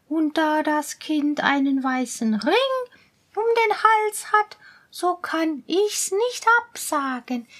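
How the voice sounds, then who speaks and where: A woman reads as a greedy, sly cat from a fairy tale who meows between her lines. The voice sits higher than the reader's own and stretches its words slowly. It sounds coaxing and scheming. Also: fairly bright tone, exaggerated voice. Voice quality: meowing, purring. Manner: drawn-out, scheming delivery.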